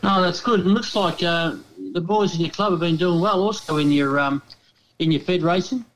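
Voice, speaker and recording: A man's voice: high voice, moderate pace, slight background noise, rough recording. An Australian man hosting a casual radio interview.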